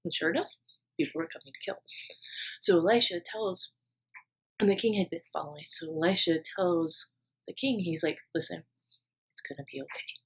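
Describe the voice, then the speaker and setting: Husky low-voiced woman telling a Bible story. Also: moderate pace, long pauses, poor audio. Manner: chatty, many fillers, asides to viewer. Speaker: archaeology vlogger retelling a Bible story. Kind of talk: casual storytelling lesson.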